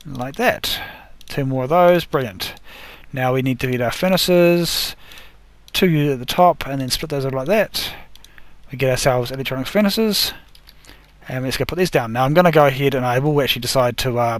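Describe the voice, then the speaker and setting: In a dry recording, a man with a medium-pitched voice speaks at normal speed while hosting a gaming video. He chats through each crafting step, tripping over words and correcting himself, and his voice sounds somewhat worn, like he's losing it.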